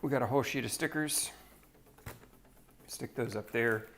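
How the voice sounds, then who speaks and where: A man's voice: mid-range voice, moderate pace, fairly bright tone, a little hiss or hum. A man from North Carolina hosting a livestream, chatting casually and rambling in a laid-back way as he builds. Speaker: livestream host. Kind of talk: casual chat while building.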